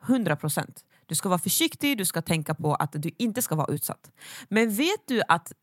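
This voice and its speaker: A woman's voice: on the low side, big pitch swings, dry recording, clean studio sound. A woman co-hosting a podcast, talking bluntly and emphatically, swearing freely in casual chat. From Sweden. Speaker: podcast co-host.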